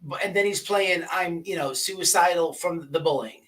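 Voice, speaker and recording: A high-pitched man with a fairly bright tone speaks at normal speed while hosting a casual stream. He rants and talks to viewers using profane slang, and he often stammers, echoing his own words.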